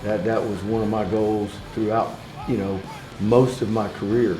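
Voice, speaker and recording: A man who is an assistant football coach from Alabama, speaking earnestly in interview soundbites, with frequent halting restarts. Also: on the low side, fairly even intonation, roomy sound, over music, poor audio.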